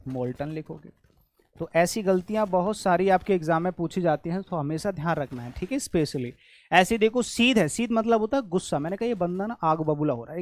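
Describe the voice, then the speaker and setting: A man's voice: sits high, dry recording. A man with an Indian accent teaching an English grammar lesson in Hindi, quizzing his students with repeated questions as he explains each word.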